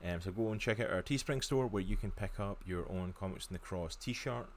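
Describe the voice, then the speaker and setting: Scottish man, 30s, Glasgow accent, very low voice, eager podcast co-host on a video call. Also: a little fast, slight background noise. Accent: Glaswegian Scottish. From Scotland, near Glasgow. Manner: chatty and enthusiastic, lots of fillers. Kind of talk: casual podcast chat. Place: home room.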